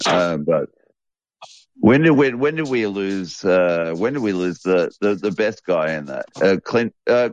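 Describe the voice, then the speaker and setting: A man co-hosting a podcast in relaxed casual chat, jokey and rambling, often repeating himself. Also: low voice, no room sound, highs cut off. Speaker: podcast co-host. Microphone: studio mic.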